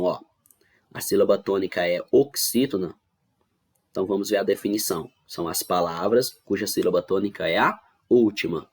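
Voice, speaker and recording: A man with a low voice leads an online review lesson for schoolchildren. He goes through each rule step by step, repeats the main points and keeps checking that the class is following. He sounds like he is recording at a computer for a screen-share class. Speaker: teacher.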